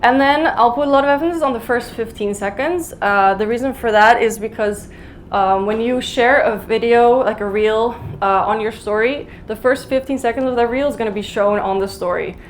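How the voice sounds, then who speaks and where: A woman giving a live conference talk, speaking fast and chatty with lots of "like" and "um" fillers. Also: on the high side, slight background noise. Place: conference hall in Mumbai.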